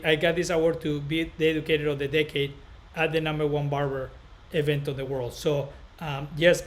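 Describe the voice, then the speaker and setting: On his casual live stream, a barber educator from northern Spain talks to viewers with a Spanish accent, wandering and hesitating as he goes and often repeating himself. His pitch is fairly high.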